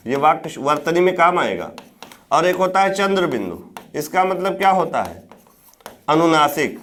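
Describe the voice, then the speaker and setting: Man, higher-pitched voice, teacher, classroom lecture, asks and answers his own questions, repeats example words slowly. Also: big pitch swings, fairly bright tone, slight background noise. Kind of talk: classroom lecture on Hindi grammar.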